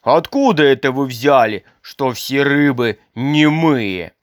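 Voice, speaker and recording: A haughty, touchy fish from a children's story, who sniffs and snorts at every answer as a reader puts her on. She speaks slowly and with wide swings of pitch. It is a close, dry recording. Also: lively intonation, no echo. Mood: curious. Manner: snorting, indignant. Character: big haughty female fish, touchy and proud. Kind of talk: storybook reading.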